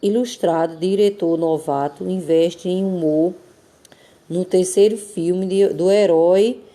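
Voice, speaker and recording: A woman's voice: fairly low pitch, steady tone, mellow. A woman teacher with a Brazilian Portuguese accent, giving a recorded lesson, patient and repetitive, drawing out example words to stress their syllables. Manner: patient, explains slowly and repeats points. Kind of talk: recorded remote classroom lesson.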